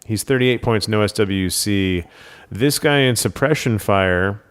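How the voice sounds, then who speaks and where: A man co-hosting a podcast, chatting casually and analytically about a tabletop game, with frequent "uh" pauses. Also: lowish voice, clean tone. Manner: enthusiastic, analytical, many "uh" pauses. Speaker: podcast co-host.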